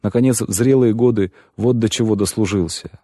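A man's voice: fairly low pitch, expressive, normal speed, dark tone, no echo, clean studio sound. A man voicing a self-pitying grown shoemaker who pleads and laments at length, in an audiobook reading. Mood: lamenting.

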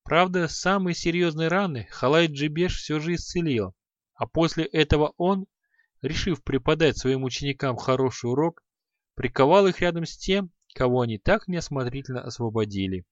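A man narrating a fantasy audiobook in a steady, measured reading. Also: fairly high pitch, no echo. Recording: slightly dull audio.

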